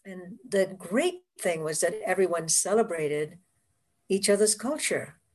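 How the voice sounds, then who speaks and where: A woman's voice: lowish voice, animated, unhurried. Woman with a West Indian accent. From Caribbean. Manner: warm storytelling, laughs often. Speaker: author guest. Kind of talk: casual interview conversation. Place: video call from home.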